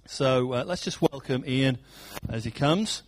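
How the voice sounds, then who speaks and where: A man leading a church meeting, introducing a guest speaker and then praying, in a relaxed way with many pauses and fillers. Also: medium pitch. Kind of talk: introduction and prayer.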